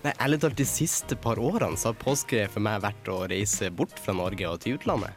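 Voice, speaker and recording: A man's voice: fairly low pitch, lively intonation, faint music behind. A young man from Northern Norway with a North Norwegian accent, chatting casually as a guest in a radio studio.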